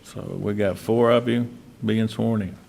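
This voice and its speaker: Low, gravelly man chairing a public meeting. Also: fairly even intonation, measured pace, a little mellow, low-quality recording. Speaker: board chair running the meeting. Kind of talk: informal meeting procedure. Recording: background room noise.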